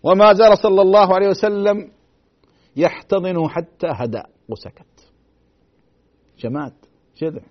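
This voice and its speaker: A man giving a dramatic religious storytelling lecture, swinging between loud emphasis and hushed tones and asking rhetorical questions. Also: high-pitched, normal speed, pauses often. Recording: dull lo-fi broadcast recording.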